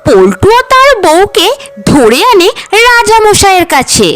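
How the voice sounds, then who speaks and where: A woman narrating a cartoon folk tale in a slow, sing-song storybook manner. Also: very high voice, sing-song, fairly bright tone.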